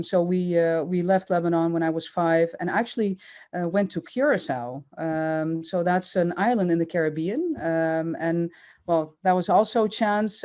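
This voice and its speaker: A woman who grew up in Curaçao, speaking as an oncologist guest in a podcast interview, measured and thoughtful with many fillers. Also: fairly low pitch, a little mellow, clean tone.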